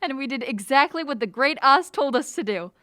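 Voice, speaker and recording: A woman's voice: high-pitched, lively intonation, a little fast, bright, forceful tone, no echo, studio quality. A teenage girl playing an innocent, earnest young girl in a stage play, pleading and good-hearted. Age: teens. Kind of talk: high school stage play acting.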